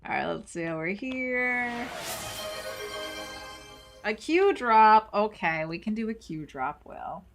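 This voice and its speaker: Bright-voiced lady streamer, chatty and playful, talking to chat while she plays. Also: lowish voice, expressive, moderate pace, gravelly, few pauses, faint music behind. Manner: chatty, playful, talks to viewers and reads chat aloud. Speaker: game streamer. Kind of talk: casual live-stream commentary.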